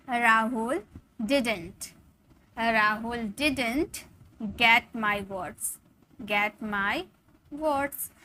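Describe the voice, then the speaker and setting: High, bright-voiced woman teaching English. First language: Hindi. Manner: slow, drawn-out dictation of example sentences; explains in Hindi mixed with English. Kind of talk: online spoken English lesson.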